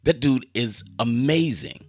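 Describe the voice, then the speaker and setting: A middle-aged man from the Bronx hosting a casual chat, expressive and quick to chime in. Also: mid-range voice, husky, dry recording, soft background music. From the Bronx, New York. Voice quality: expressive, interjects often.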